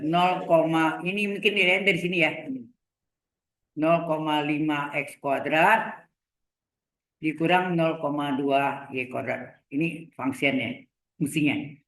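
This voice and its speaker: Slow, echoey male lecturer. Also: on the high side, a bit bright. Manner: slow, repeats terms, asks checking questions. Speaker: university lecturer. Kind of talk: live lecture on vector calculus. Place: classroom or video class. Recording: echoey room.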